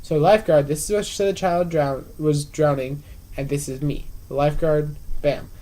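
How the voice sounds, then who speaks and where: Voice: medium pitch, steady tone, moderate pace, mellow, low-quality recording. A young adult vlogger telling work stories at home in a casual, chatty way, full of fillers, acting out what other people said. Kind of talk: casual storytelling vlog.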